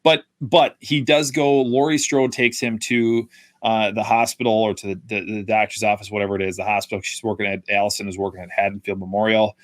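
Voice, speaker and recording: A man's voice: lowish voice, flat delivery, a little fast, dry recording. Rambling male podcast host, dry sound. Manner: rambling, many fillers and restarts. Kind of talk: casual film review chat.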